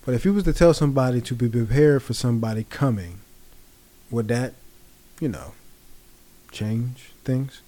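Male vlogger with a warm, mellow voice and relaxed, rambling delivery. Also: mid-range voice, normal speed. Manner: rambling, relaxed, many fillers. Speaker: pop culture vlogger. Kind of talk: casual commentary.

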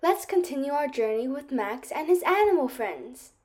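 A woman narrating a children's audio story in a lively, expressive way. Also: high-pitched, moderate pace.

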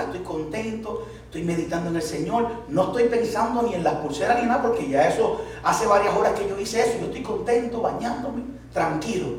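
A man's voice: high-pitched, slight background noise. A male pastor preaching a sermon, telling a story with laughs and asides to the congregation. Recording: echoey church hall, distant mic.

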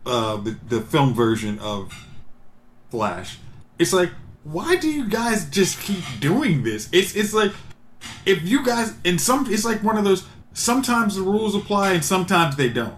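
A man's voice: high voice, a bit bright, a little hiss or hum. A man in casual podcast chat, rambling and opinionated as he thinks aloud. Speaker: podcast co-host. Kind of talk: casual chat about superhero movies.

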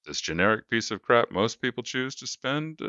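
A man voicing a pushy, smooth-talking male coffin salesman with brash sales patter. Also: medium pitch, animated, normal speed, sharp tone, no room sound, highs cut off, pitched above the performer's own voice. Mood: salesy.

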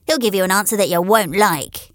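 A woman's voice: mid-range voice, a little fast, dry recording, clean studio sound, natural voice. A woman voicing a proud, haughty speckled hen in a storybook reading, prim and lofty.

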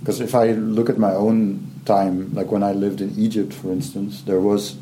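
A man's voice: fairly low pitch, level tone, moderate pace, dark tone, a little hiss or hum. A man hosting an interview, asking curious, easygoing questions. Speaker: interview host. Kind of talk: casual interview chat.

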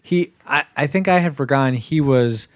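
A man's voice: mid-range voice, moderate pace, no room sound, studio quality. A man hosting a casual movie discussion, chatty and full of restarts. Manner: chatty, many restarts and fillers.

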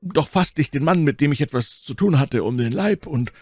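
A man's voice: on the high side, expressive, normal speed, a little mellow, breathy edge, dry recording, studio quality, voice pushed up. A man reading an audiobook, voicing a proud, dignified male musketeer in a firm, formal manner. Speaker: audiobook reader.

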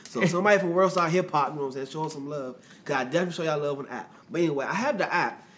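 A man co-hosting a casual podcast chat, stuffed up from allergies and quick to tease. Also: on the high side, a bit bright, slight background noise. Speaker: podcast co-host.

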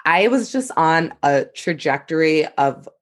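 A young woman co-hosting a podcast, telling animated stories and swearing freely in casual chat. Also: low-pitched, measured pace. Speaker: podcast co-host.

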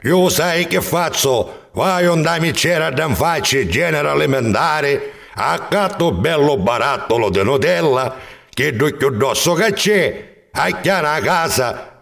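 A man telling a comic story in heavy dialect, his voice gravelly and somewhat high. He swings his pitch widely as he acts it out. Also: slow pace. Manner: broad dialect storytelling, animated. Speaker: comedian telling jokes. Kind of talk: acted joke telling.

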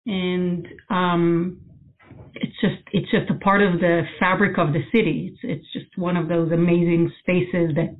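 A woman, answering interview questions as an architect in a thoughtful way with many pauses and restarts. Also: on the low side, level tone. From Israel. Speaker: guest architect. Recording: phone-like narrow sound.

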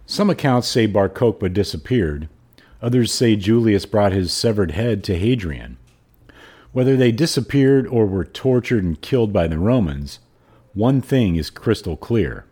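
Hoarse froggy guy, deep n raspy, podcast host reading a book out loud. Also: animated, unhurried. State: hoarse throat. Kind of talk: audiobook-style reading and podcast sign-off.

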